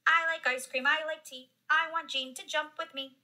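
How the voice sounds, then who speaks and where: A woman voicing a sassy, cheerful little girl who chants rhymes in a high sing-song voice. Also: fairly even intonation, normal speed, pushed and bright.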